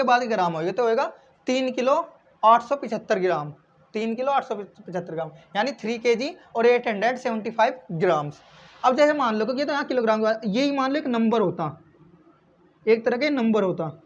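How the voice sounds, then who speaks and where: A male maths teacher explaining step by step, asking questions and answering them himself, repeating key points and calling his viewers friends. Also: very high-pitched. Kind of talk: classroom-style maths explanation. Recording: slightly dull lo-fi recording.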